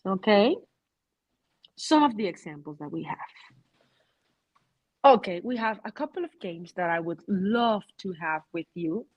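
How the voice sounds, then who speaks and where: A woman's voice: mid-range voice, darkish tone, dry recording, dull audio. A woman teaching English to adult learners in a video-call class, mixing English and Spanish and checking in with "okay?".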